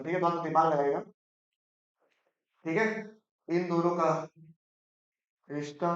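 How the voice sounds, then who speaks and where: The audio is dull, and the man's voice is slightly high. He's a playful economics teacher lecturing in an echoey classroom, teasing students, asking quick questions and switching between Hindi and English.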